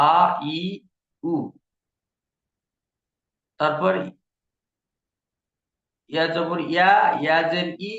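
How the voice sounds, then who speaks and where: A man's voice: a little high, gravelly, fairly bright tone, lo-fi sound. A man teaching a Quran recitation class, patiently drilling each letter sound and repeating syllables. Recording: echoey room.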